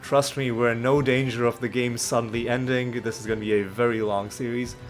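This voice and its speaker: He talks briskly at a medium pitch that barely rises or falls, explaining the game in a meandering, self-correcting let's play. A lingering cold leaves his voice a little nasal, and faint music plays behind him.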